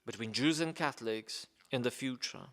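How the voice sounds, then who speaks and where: A hesitant man reads a guest's letter aloud at a ceremony, a formal speech marked by many fillers and stumbles over names. He talks at normal speed in a mid-range, fairly bright voice, and the large hall gives a long reverb.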